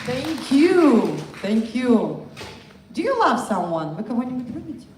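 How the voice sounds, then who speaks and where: A woman's voice: on the high side, very animated, unhurried, a little mellow, far from the mic, a faint crowd, a little hiss or hum. Playful Russian-accented woman host, echoey hall. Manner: playful, teasing banter with young contestants. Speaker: contest host and English teacher. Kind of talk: live event hosting, mixing Russian and English.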